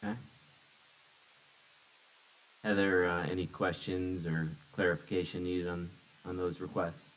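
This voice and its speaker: Gravelly low-voiced man running a meeting. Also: flat delivery, unhurried, pauses often, a little hiss or hum, poor audio. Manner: brief, practical, moves the meeting along. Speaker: meeting facilitator. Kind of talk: procedural meeting talk.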